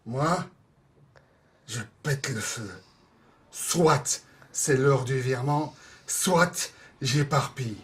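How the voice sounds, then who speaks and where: A man's voice: medium pitch, extremely slow, long pauses, a bit bright. An actor playing a blunt, short-tempered man, curt and dismissive in comic film dialogue. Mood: cocky, threatening.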